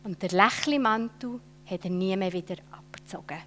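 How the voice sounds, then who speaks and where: A woman telling a children's Bible story in an expressive way, with dramatic swells and soft whispered asides. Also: medium pitch, normal speed, a little hiss or hum.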